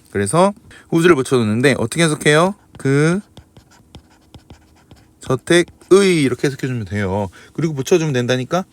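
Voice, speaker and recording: A man's voice: medium pitch, dry recording. A man teaching English grammar in a recorded lecture, asking questions and answering them himself, switching between polite and casual speech. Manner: asks and answers his own questions.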